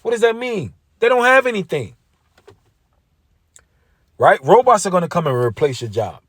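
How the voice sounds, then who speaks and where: A man with a fairly high voice preaches in a blunt, profane way, his pitch swinging widely as he presses each point. He keeps checking in with "right?" between lines. The sound is close and dry, with no room echo. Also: big pitch swings, moderate pace, fairly bright tone. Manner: emphatic, repeats "right?" as a check-in.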